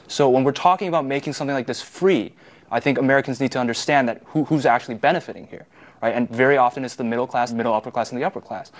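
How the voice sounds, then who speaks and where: A young man, a student panelist, making measured points in a panel discussion. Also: mid-range voice.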